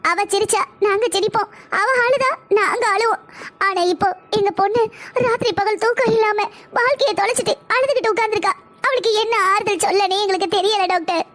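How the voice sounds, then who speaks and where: A woman's voice: extremely high pitch, fairly even intonation, fast talker. A woman voicing a distraught middle-aged mother in a cartoon, talking in a tearful, pleading way. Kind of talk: cartoon voice acting.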